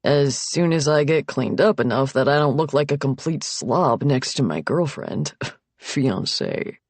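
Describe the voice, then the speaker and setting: A woman's voice: a bass voice, animated, a little slow, darkish tone, no echo, pitched below the performer's own voice, full character voice. A woman voicing a young man, an apologetic and sheepish fiancé, in an audiobook.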